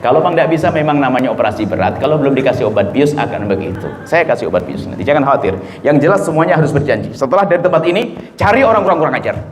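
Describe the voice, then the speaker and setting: A man from Indonesia preaching a lively sermon, acting out the people he quotes and swinging between low murmurs and high exclamations. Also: very fast. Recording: roomy hall echo, faint ambience.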